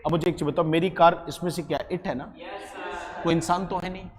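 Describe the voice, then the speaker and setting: High-voiced lively man teaching in a hall. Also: brisk. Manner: lively, quizzing students, calls them beta. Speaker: English teacher. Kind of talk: classroom grammar lesson.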